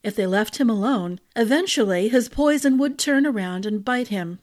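A woman reading a fantasy novel aloud as a podcast storyteller, with a gentle, measured delivery. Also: fairly high pitch, lively intonation. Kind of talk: audiobook-style fantasy narration.

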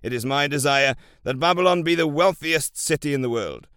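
A man voicing a commanding ancient king who speaks in a formal, regal way, louder and a little higher than his narration. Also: fairly quick, clean tone, no echo, studio quality, lightly acted. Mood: eager. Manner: demanding, regal.

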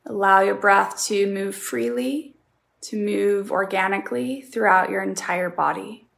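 A woman leads a guided meditation at a very slow pace, with slow breath counting and long pauses. Her mid-pitched voice has a clear creak at the edges. The phrases are short and instructional. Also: steady tone, fairly bright tone.

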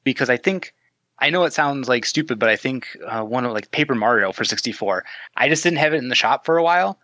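Talking fast and expressively at medium pitch, a Canadian man appears as a podcast guest; he crafts 3D-printed retro decor. His pushed, bright voice carries jokes and chatter, with many restarted sentences, all in a dry recording.

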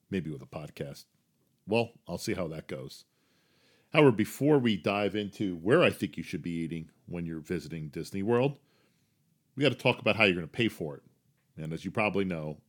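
A middle-aged man with a New Jersey accent hosting a casual solo podcast, chatty and self-deprecating, swinging between loud emphasis and quiet asides. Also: sits low. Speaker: podcast host.

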